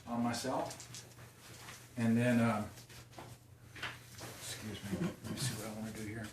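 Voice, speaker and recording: A man's voice: mid-range voice, little pitch movement, measured pace. A man playing a paladin at a tabletop game, talking hesitantly with many ums. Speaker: player, paladin. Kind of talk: casual tabletop play. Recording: echoey room, loud noise, mic far off.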